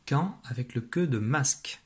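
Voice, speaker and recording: A man with a slightly husky voice teaches young children in a recorded video lesson. He speaks patiently and explains each step slowly and carefully, at a middle pitch. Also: expressive.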